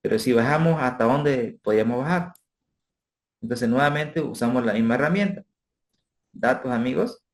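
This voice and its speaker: Male instructor, mid pitch, patient explanatory delivery with frequent check-in questions; screen-recorded finance lesson. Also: moderate pace, pauses often. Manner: explanatory, addresses students as friends, frequent tag questions. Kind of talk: spreadsheet tutorial lecture.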